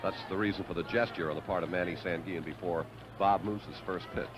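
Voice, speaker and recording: A man calling baseball play-by-play in a classic, measured announcer style, on old 1970s broadcast audio. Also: low voice, steady tone, a crowd in the background. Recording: dull, noisy vintage 1970s broadcast audio. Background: loud stadium ambience and noise.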